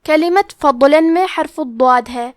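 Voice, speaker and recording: Woman, high voice, methodical, step-by-step teacher, dry close recording. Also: dry recording. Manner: methodical, step-by-step explanation with drawn-out recited words. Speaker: Quran recitation teacher. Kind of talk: tajweed lesson, explaining rules then reciting slowly.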